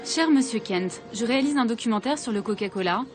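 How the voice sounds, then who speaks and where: A woman's voice: fairly high pitch, animated, brisk. A woman journalist narrating a documentary voice-over in an earnest, searching way. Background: background music.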